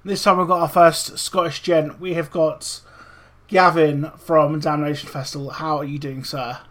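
Guy hosting a podcast, slightly high voice, casual interview chat. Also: level tone, moderate pace, a bit bright. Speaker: podcast host.

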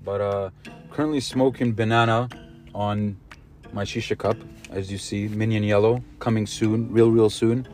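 A man's voice: on the low side, steady tone, normal speed, a little mellow, faint music behind. Laid-back, slangy man hosting a podcast. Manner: laid-back, slangy, says bro a lot. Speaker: podcast host. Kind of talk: casual podcast chat.

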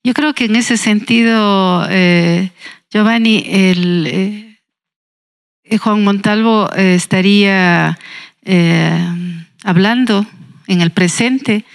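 A woman's voice: mid-range voice, slow pace, gravelly. A woman in a panel discussion speaking hesitantly, with many filler sounds between words.

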